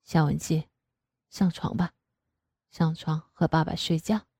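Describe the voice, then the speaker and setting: A woman doing a husky, indulgent father. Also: fairly even intonation, a little slow, dark tone, no room sound, studio quality, exaggerated voice. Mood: soft, teasing. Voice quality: husky, lowered voice. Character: middle-aged father, indulgent and teasing. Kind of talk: audio story reading.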